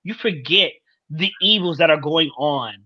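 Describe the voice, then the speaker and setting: An animated man with a somewhat raised voice makes his points emphatically, doubling words for stress. His audio is dull and lo-fi, dry with no room sound. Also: a little high, a little slow, no echo. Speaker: podcast panelist. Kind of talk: casual panel discussion.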